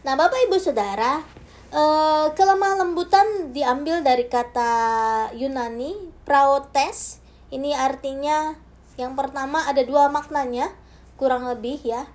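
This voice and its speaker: A woman preacher giving a sermon with a personal testimony, speaking straight to the congregation and moving between hushed, soft passages and loud, emphatic ones. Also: high-pitched, a little slow.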